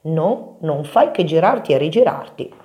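A woman's voice: deep voice, expressive, moderate pace, mellow, muffled recording. A woman voicing a big, sleepy father mouse who answers firmly and wearily. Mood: weary, firm. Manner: firm, weary, dismissive.

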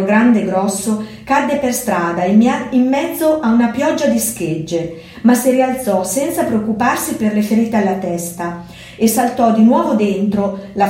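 Female teacher reading a storybook, fairly high voice, very echoey room. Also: a little mellow. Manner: clear, measured read-aloud delivery. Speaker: preschool teacher.

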